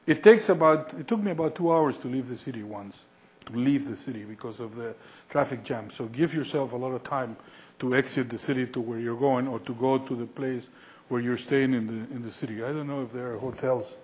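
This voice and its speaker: After a lecture, a middle-aged Peruvian structural engineer fields audience questions in a lecture hall with a projection screen. Picked up on a lapel mic, his medium-pitched, darkish voice halts often, full of fillers and restarts.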